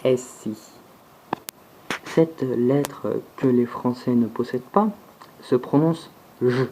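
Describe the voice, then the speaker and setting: Male teacher, unhurried drill of letter sounds, dark relaxed tone, faint background noise. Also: medium pitch, low-quality recording. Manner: slow and deliberate, repeating each sound several times. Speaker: language teacher. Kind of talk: alphabet pronunciation lesson.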